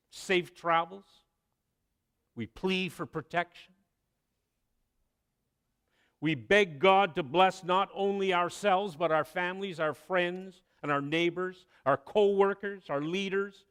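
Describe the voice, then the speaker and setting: A man preaching a sermon, telling a story with expressive delivery and dramatic pauses. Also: high voice, smooth. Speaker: pastor.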